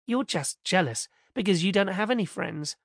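A man reading an audiobook, voicing a sharp-tongued, sulky teenage girl who sounds scornful and whiny. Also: sits high, lively intonation, normal speed, vocal fry, no echo, studio quality, voice pushed up, heavily acted. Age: teen. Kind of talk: audiobook character voice.

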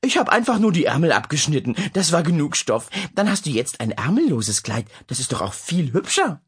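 A narrator voicing a cheeky teenage girl who shouts through the house in a children's audiobook. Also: mid-range voice, very animated, brisk, husky, pitched above the performer's own voice. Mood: breezy. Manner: shouting from another room.

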